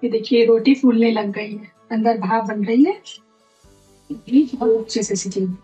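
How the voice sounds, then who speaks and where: A woman's voice: fairly high pitch, a little slow, dark tone. A middle-aged woman giving a cooking demonstration in her home kitchen, explaining each step while she works. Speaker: cooking instructor. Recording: light background music.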